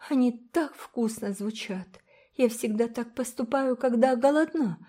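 A woman voicing a timid little girl who pleads earnestly in a high, gentle voice.

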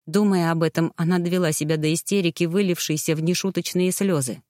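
A woman narrating a fantasy audiobook in an expressive, dramatic storytelling manner. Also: fairly low pitch, fast talker, no echo, studio quality.

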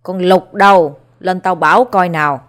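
A woman voicing a coarse, domineering old rich landlord in a spoken horror story, giving orders in a gruff, slurred voice. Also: low voice, steady tone, moderate pace, lightly acted.

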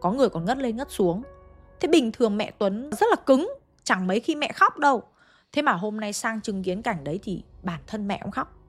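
A woman narrates a ghost story in a chatty, conversational manner, turning to address her listeners directly. Her voice sits fairly high for a woman. Soft music plays faintly underneath. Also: big pitch swings, normal speed. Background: faint background music.

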